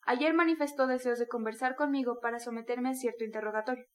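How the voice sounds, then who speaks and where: A woman's voice: a little high, fairly even intonation, quick pace, natural voice. A woman reading the curt, angry lines of a proud young man who refuses to be questioned. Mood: irritated. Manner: curt, sharp, rising anger.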